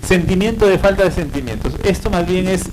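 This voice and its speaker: A man's voice: sits high, animated, brisk, noisy background. A man with a Peruvian Spanish accent giving a university psychiatry lecture, explaining patiently and often checking in with tag questions and fillers.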